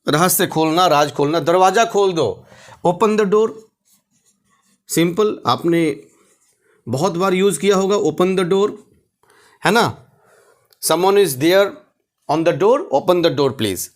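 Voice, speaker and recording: Speaking slowly with frequent pauses, this high-pitched man teaches English vocabulary through Hindi. He repeats phrases, spells each word letter by letter, and asks questions that he goes on to answer.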